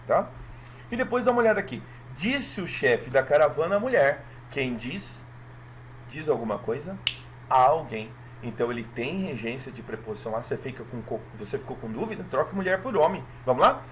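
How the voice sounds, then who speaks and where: Brazilian guy going over exam answers, mid pitch, keeps asking "got it?", faint hiss behind. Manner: lively, checks in with "tá?" and "vamos lá?". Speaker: teacher. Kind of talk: exam walkthrough lesson.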